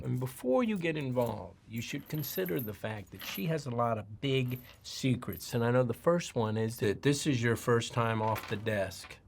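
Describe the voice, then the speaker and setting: Glib, needling mentalist, faint noise. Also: male voice, fairly low pitch, gravelly. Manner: wry, teasing, deliberate phrasing. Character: glib, needling male mentalist under interrogation. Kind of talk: naturalistic film acting.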